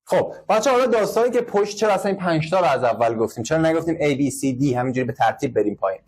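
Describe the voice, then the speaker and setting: A man's voice: a little high, animated, darkish tone, breathy edge. Man teaching an English class. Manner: explains patiently, repeats words, quizzes the class. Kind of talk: classroom lesson.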